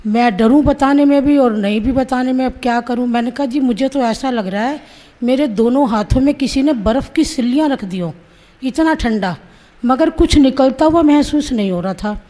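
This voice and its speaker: A woman's voice: high-pitched, normal speed, mellow. A woman in her sixties gives an earnest, vivid personal testimony, acting out her own quoted words as she tells it. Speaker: Sahaja Yoga practitioner giving a testimony.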